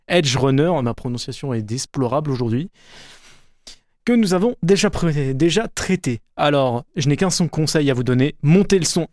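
A man's voice: a little high, a little mellow, no room sound, clean studio sound. Young man giving an eager radio film column. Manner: enthusiastic and candid, occasional stumbles. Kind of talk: radio column, partly scripted. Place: radio studio. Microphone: studio microphone.

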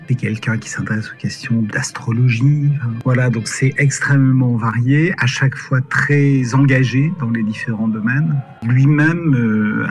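Hesitant male academic explaining in an interview. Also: medium pitch. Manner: hesitant, searching for words. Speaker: academic expert guest.

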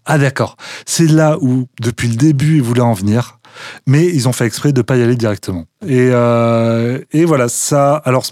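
A man's voice: mid-range voice, moderate pace, dark tone, no echo, studio quality. Hesitant, enthusiastic male radio guest. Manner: enthusiastic, hesitant with many fillers. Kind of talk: casual radio interview. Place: radio studio.

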